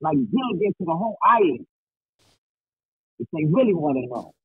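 A man calling in to a show on a muffled phone line that sounds like it comes through a wall, loud and hyped as he shouts people out. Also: sits high, big pitch swings, normal speed, breathy edge, no room sound. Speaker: caller. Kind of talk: casual call-in chat.

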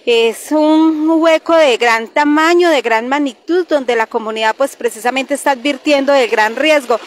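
A woman's voice: sits high, moderate pace. A woman reporter giving a live field report outdoors, hesitant with many fillers. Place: roadside outdoors.

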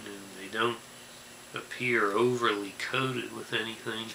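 Deadpan guy doing a snack review, really unhurried, bit of vocal fry, slight hiss. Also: on the low side, roomy sound, low-quality recording. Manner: slow, deadpan, deliberate listing. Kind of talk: deadpan food review to camera. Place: small room indoors with fabric backdrop. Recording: faint hiss in the room.

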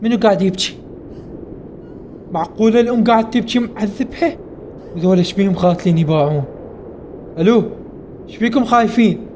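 A young man with an Iraqi Arabic accent giving excitable let's play commentary, constantly addressing his viewers. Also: high-pitched, fast, pauses often, a little hiss or hum. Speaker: gaming YouTuber.

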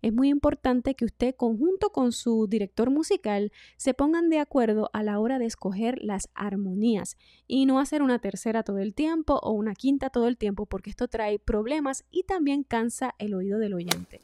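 A woman vocal coach, giving a singing lesson in a clear, instructive way. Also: on the high side, expressive, moderate pace, dry recording, clean studio sound. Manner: clear instructive delivery, demonstrates loud and whispered speech.

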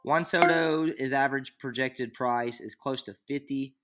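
Loud music plays under a young man's medium-pitched voice at a normal pace. He's making a casual screen-share fantasy league tutorial from his computer in a small room, rambling through a draft with lots of fillers and thinking out loud.

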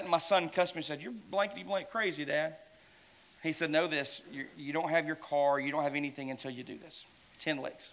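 A man preaches in church in a bright, forceful voice that sits a little high for a man. He talks the congregation through a story in a loose, conversational way, quoting the people in it. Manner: conversational, retells stories with quoted dialogue. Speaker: pastor. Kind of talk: sermon storytelling.

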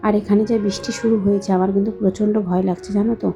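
A young woman with a hoarse voice from a cold, chatting slowly and softly to her viewers in a voice-over for her home vlog. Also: medium pitch, little pitch movement, soft background music. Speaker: vlogger, housewife.

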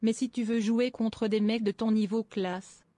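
A synthetic female text-to-speech voice reading out viewer messages in a flat, even way. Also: fairly high pitch, unhurried, a little hiss or hum.

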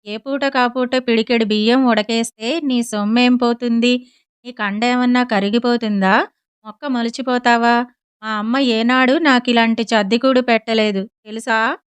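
A woman's voice: on the high side, fairly even intonation, moderate pace, clear, resonant tone, close to an everyday voice. Woman reading Seethaiah, angry young husband. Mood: irritated. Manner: scolding, shouting at his wife. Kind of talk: audiobook storytelling.

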